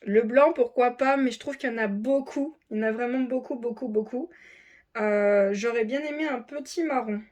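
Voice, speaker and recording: Woman calmly walking viewers through a craft kit. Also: on the high side, brisk, hardly any pauses. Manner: methodical, lists codes and points out spots; chatty, addresses viewers directly. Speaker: diamond painting channel host. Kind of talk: casual unboxing walkthrough.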